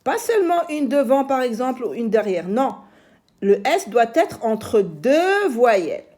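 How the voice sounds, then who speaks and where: A woman teaching young children to read, slowly repeating each word with patient explanations. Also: fairly high pitch, big pitch swings, a little mellow. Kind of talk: phonics lesson for young children.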